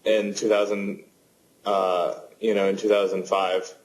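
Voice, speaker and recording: A man's voice: on the low side, a little slow, slight background noise, low-quality recording. A man in his twenties, a poker player guest, answering casually with lots of fillers and restarts. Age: 20s. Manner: relaxed, rambling with many fillers and restarts.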